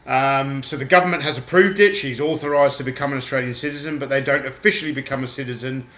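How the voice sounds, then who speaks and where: A chatty UK-born livestream host and toy auctioneer reads out viewer comments and laughs easily in an echoey home room in Australia. He talks fast at medium pitch, with a steady, somewhat bright tone.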